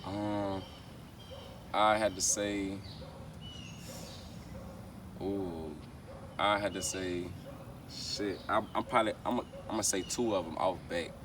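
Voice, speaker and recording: An American rapper is interviewed on a noisy street, chatting casually in heavy slang and repeating tags like "you know what I'm saying". His deep voice stays fairly even, slow and full of pauses, picked up by a distant mic.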